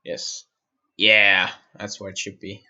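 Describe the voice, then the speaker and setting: A man from Austria, muttering to himself while he works through a software build on a live-stream tutorial and answering viewers' questions. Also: fairly low pitch, little pitch movement, slow pace, highs cut off.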